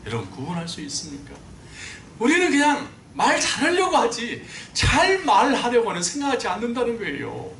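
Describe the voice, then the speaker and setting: A man preaching a sermon as a pastor, telling stories with animated swings and climbing high when he quotes people. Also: moderate pace, gravelly, a little hiss or hum. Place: church sanctuary. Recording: echoey church room, mic at a distance.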